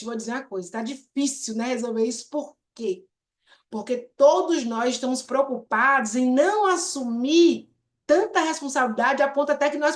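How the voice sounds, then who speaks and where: Woman running an online group session over a video call, pretty high voice, chatty, keeps calling out to the group. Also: roomy sound. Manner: chatty and warm-hearted, addresses the group often as "gente", acts out example dialogues. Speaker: group therapy facilitator.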